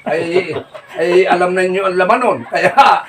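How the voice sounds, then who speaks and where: Folksy guy from the philippines cracking jokes, high voice, mic kinda far off w faint hiss. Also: a little slow. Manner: folksy storyteller, laughs at own jokes, shouts punchlines. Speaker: comedy joke teller. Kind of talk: casual joke telling. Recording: distant mic with faint noise.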